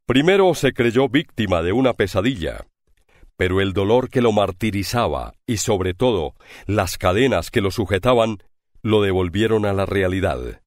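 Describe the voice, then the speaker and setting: A man reading an adventure novel aloud in scripted narration. His low voice moves with lively intonation at an unhurried, measured pace. The sound is close and dry. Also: dry recording. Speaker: audiobook narrator.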